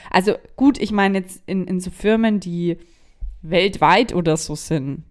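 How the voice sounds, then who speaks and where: A woman's voice: fairly low pitch, measured pace. A woman co-hosting a casual chat podcast, musing and searching for words, laughing now and then. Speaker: podcast co-host.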